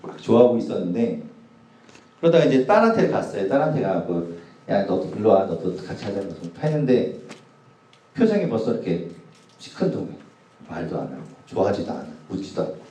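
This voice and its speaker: A man's voice: fairly low pitch, very animated, a little fast, pauses often, dark tone, heavy reverb, distant mic, low-quality recording. A man in his forties, a youth pastor, preaching to a young congregation in a casual, humorous storytelling way. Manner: casual, humorous anecdotes told to a youth group. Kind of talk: sermon storytelling. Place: church hall.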